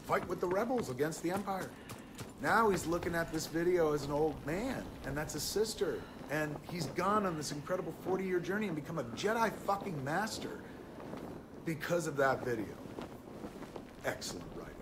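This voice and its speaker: A man streaming live, chatting casually about a movie in an excitable, profane way. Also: fairly high pitch, moderate pace, noisy background. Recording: loud game gunfire behind the voice.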